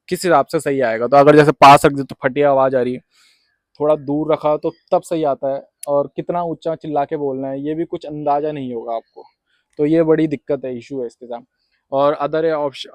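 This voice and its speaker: A man's voice: a little high, fairly even intonation, normal speed, darkish tone, dry recording. A young man in a casual unboxing vlog, rambling and repeating himself as he reviews a wireless clip-on mic, mixing English words into his talk. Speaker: vlogger reviewing a microphone. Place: rooftop outdoors and indoors. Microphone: wireless clip-on mic and phone mic.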